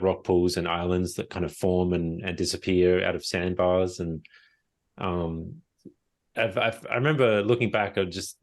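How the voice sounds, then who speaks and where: A man's voice: sits low, vocal fry. A man from South Australia, an author, chatting casually, rambling and hesitant with repeated words. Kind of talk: casual chat.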